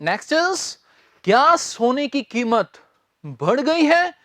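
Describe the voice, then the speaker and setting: A man teaching English grammar in a recorded lecture, speaking deliberately, spelling words letter by letter and repeating key phrases. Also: extremely high pitch, very animated, over loud music.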